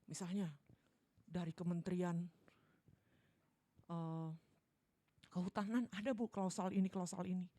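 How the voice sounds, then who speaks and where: A middle-aged woman preaching a sermon in a church service, acting out worried voices and swinging between loud outbursts and hushed lines. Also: lowish voice, level tone, a little slow, pauses often.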